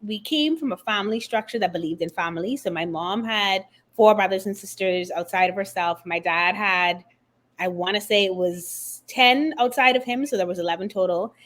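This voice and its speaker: A middle-aged guest author and confidence coach from the Bahamas speaks in a conversational interview at normal speed, her voice at an ordinary pitch for a woman. She is animated and expressive, building her story with warm conviction and references to faith.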